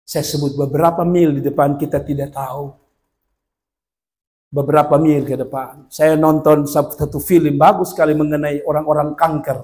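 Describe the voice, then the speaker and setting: A male pastor, preaching a sermon that swings from quiet murmurs to loud shouted peaks and acts out the voices in his stories. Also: a little high.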